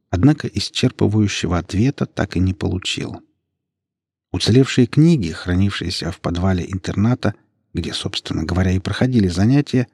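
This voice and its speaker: A man narrating a story in a steady, even reading voice. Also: fairly low pitch, slightly rough, no echo, studio quality. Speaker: audiobook narrator. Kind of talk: scripted narration.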